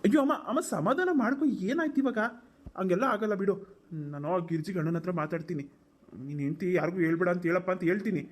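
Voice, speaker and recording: A woman's voice: fairly low pitch, lively intonation, fast, darkish tone, pitched below the performer's own voice. Woman doing a tired placating cartoon son. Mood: soothing. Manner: soothing, placating, weary. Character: tired grown son, placating his mother. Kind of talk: animated cartoon voice acting.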